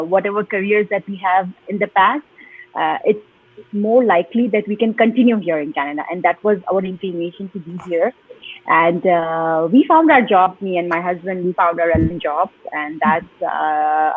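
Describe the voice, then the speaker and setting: A woman's voice: on the low side, normal speed. Woman on a tinny call line. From Pakistan. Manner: earnest, hesitant with fillers. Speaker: guest. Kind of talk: live online interview.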